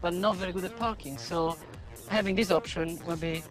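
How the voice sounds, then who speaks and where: A man's voice: high-pitched, fairly quick, a bit bright, faint music behind. A man in his thirties with an Italian accent, casually giving his opinions as a car buyer. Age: 30s. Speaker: car buyer taking part in show.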